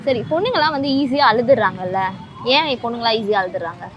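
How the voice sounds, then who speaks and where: A woman's voice: a little high, lively intonation, fast talker, muffled recording, over loud music. A woman interviewing passers-by outdoors on a street, firing off teasing, probing questions. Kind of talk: street vox-pop interview.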